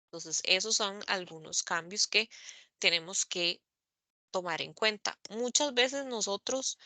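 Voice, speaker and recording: A woman teaching English grammar in an online class, speaking slowly and carefully, spelling out letters and repeating examples. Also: mid-range voice, pushed and bright, dry recording. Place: online meeting recording.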